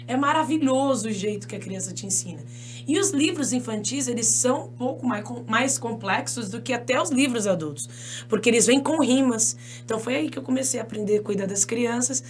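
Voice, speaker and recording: A woman with a Brazilian Portuguese accent, an English teacher telling stories as a podcast guest in an animated, chatty way. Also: a little high, fairly quick, a little hiss or hum. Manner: animated, chatty, laughs often, addresses listeners as "gente". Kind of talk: casual interview storytelling.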